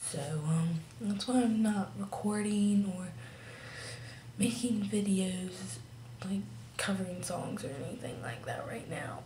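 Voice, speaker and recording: A woman vlogger with a hoarse, breathy voice that keeps slipping into a whisper. She speaks slowly and sounds downcast, with a mellow, muted tone. The room around her sounds echoey. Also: mid-range voice, steady tone, slight background noise. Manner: half-whispered, breathy talk; slow, downcast. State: lost voice, hoarse. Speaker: singer vlogger. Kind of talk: casual update to viewers.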